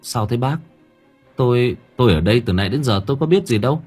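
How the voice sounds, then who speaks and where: Guy doing a scared young master, shaky and stammering, talks fast, husky. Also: medium pitch, expressive, a little mellow, soft background music. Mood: frightened. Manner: trembling, stammering. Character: frightened young master, young man.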